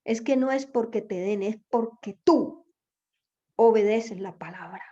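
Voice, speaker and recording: Woman preacher, fairly high voice, urgent rhetorical questions, dull lo-fi sound. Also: a little slow, warm tone. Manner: exhorting, rhetorical questions, repeats phrases for emphasis. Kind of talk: sermon. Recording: dull lo-fi recording.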